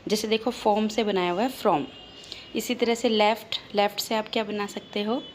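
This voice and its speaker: A woman's voice: medium pitch, steady tone, moderate pace, a little hiss or hum. A woman teacher with an Indian English accent, patiently explaining a lesson and answering her own questions. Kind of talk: online class lesson.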